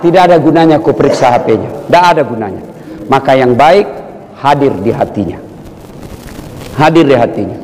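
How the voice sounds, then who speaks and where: A middle-aged man preaching to a live audience, telling animated jokes and jumping to a high pitch for punchlines. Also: fairly quick, long pauses, slight background noise. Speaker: Islamic preacher. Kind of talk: humorous sermon to an audience. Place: large hall with live audience. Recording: echoey hall with faint ambience.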